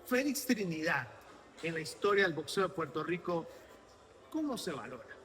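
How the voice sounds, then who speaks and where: A man hosting a sports interview, lively and promotional, asking long questions. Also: fairly high pitch, moderate pace. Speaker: interviewer host.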